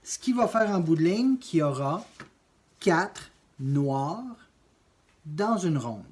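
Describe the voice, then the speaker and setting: A man's voice: on the high side, sing-song, takes it slowly, darkish tone. A man teaching a drum lesson, explaining note values step by step and counting beats aloud. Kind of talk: music lesson.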